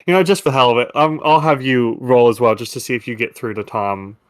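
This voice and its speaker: A man's voice: medium pitch, fast talker, clear, resonant tone. A man running a tabletop game as game master, narrating and explaining rolls in a loose, rambling way. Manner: relaxed, rambling, laughs easily.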